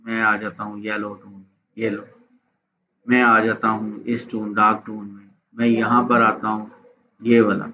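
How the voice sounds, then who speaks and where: A man teaching a live online graphics software class, chatty and encouraging, often checking in with his students. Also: on the low side, completely flat delivery, a little slow, highs cut off, slight background noise.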